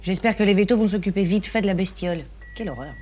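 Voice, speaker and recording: A woman's voice: medium pitch, fast, warm tone, a little hiss or hum, lightly acted. A woman playing a foul-mouthed police inspector, frantic and insulting in a comedy audio drama. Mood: dismissive.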